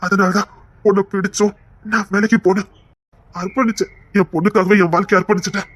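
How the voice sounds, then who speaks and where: A man playing a rough but remorseful husband who earnestly begs his wife to leave, in an audio drama. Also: high-pitched, fairly even intonation, fast talker, fairly bright tone, dry recording. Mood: pleading. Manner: earnest, pleading, sorrowful. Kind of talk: Tamil audio story acting.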